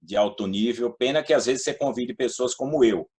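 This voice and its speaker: This middle-aged or older man, a former public housing and utilities official, speaks as an interview guest with a Brazilian accent from São Paulo state. His talk is casual and anecdotal. The voice sits at medium pitch, moves fairly quickly, and sounds a little mellow and slightly rough.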